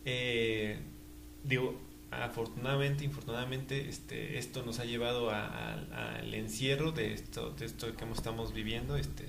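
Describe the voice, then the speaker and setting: A young man, chatting as a guest in an interview, halting with many fillers and breaking into laughs. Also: mid-range voice, steady tone, vocal fry, reverberant, noisy background. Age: young adult. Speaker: guest, new father. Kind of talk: casual interview chat.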